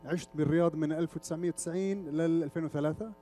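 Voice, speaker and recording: Speaking at a racing pace in a slightly high, steady, dark-toned voice, a middle-aged man gives a casual, interactive talk on stage, mixing Arabic and English. He is an Arabic speaker from Lebanon who was raised in Saudi Arabia and works as a media executive and conference speaker. Faint music sits behind him.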